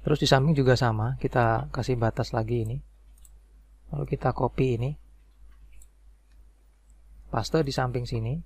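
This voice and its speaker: Male tutorial narrator, gravelly, dry close mic, mouse clicks behind; calm, step-by-step. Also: medium pitch, normal speed, long pauses, no room sound. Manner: calm step-by-step explaining, fillers like "nah" and "oke". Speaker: spreadsheet tutorial instructor. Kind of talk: screen-recorded software tutorial.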